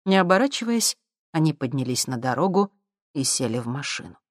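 Low-voiced woman narrating an audiobook. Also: sing-song, brisk, no room sound, clean studio sound. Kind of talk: scripted narration.

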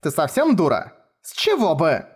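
A man voicing a haughty, sharp-tongued girl with an irritable, scornful manner. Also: mid-range voice, lively intonation, brisk.

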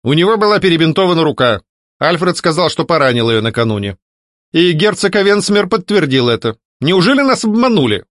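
A man's voice: a little high, sing-song, a little fast, a bit bright, no room sound, studio quality, pitched above the performer's own voice. A man voicing a fat middle-aged baron who blusters angrily and scornfully. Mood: indignant. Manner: blustering, irritable.

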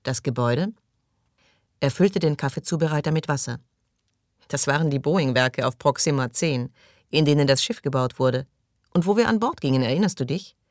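A man's voice: medium pitch, no room sound, clean studio sound, close to an everyday voice. A man voicing a puzzled, wistful male ship's cook who talks in a reflective way.

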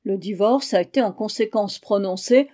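A woman voicing a stern older male archbishop, formal and measured. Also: medium pitch, warm tone, natural voice.

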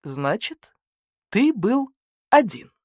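A woman's voice: mid-range voice, sing-song, extremely slow, darkish tone, slightly rough, no echo, pitched above the performer's own voice, heavily acted. Woman playing an icy badger-cat detective. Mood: cold. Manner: cold, suspicious interrogating tone.

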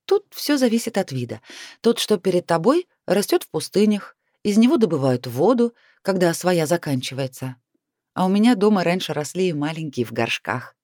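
A man's voice: high voice, very animated, normal speed, darkish tone, dry recording, clean studio sound, voice pushed up. A man voicing a young woman from another world, with a light, raised voice. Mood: cheerful.

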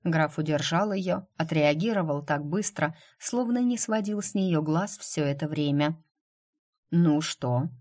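A woman reading a novel aloud as audiobook narrator, in steady, even storytelling. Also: deep voice, a little slow, few pauses. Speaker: audiobook reader. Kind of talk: scripted narration.

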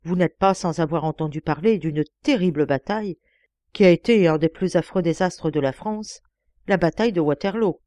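A woman voicing a clever young male detective who explains his reasoning calmly. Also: fairly low pitch, no echo, natural voice. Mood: explaining. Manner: calm, explaining, measured.

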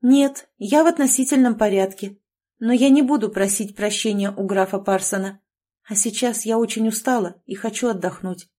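A woman voicing a tired, cool-headed young noblewoman who answers flatly and indifferently, in an audiobook. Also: mid-range voice, normal speed, close to an everyday voice. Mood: cold.

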